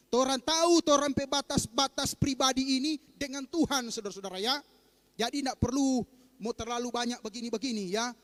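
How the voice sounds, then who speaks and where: A man with a Manado Malay accent, a pastor preaching a sermon with rising emphasis, often calling out to the congregation. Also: extremely high pitch. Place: church hall. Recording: long echo of a church hall.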